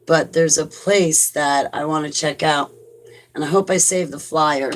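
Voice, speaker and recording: Her deep voice keeps a steady tone and an unhurried pace as this forties-aged vlogger chats to viewers and reads their live comments, with slight background noise. She rambles, pokes fun at herself and fills her talk with "like."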